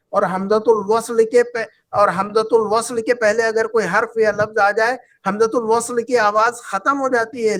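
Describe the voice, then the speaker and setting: A woman teaching an Arabic grammar class, repeating points and quizzing her students. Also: medium pitch. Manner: repetitive, drills students with questions. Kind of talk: classroom lesson.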